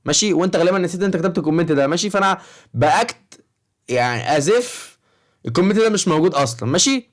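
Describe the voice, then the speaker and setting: Fast-talking young Egyptian man vlogging. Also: a little high. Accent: Egyptian Arabic. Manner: rambling and chatty, keeps checking in with the viewer. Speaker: study-advice vlogger for high school students. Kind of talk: casual fast-talking vlog.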